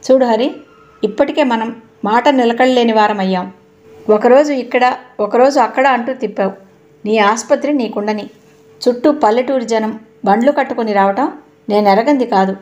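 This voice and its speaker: A woman reading the part of a witty, playful young wife in a lively tone. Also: fairly high pitch, moderate pace, lo-fi sound, lightly acted. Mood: firm.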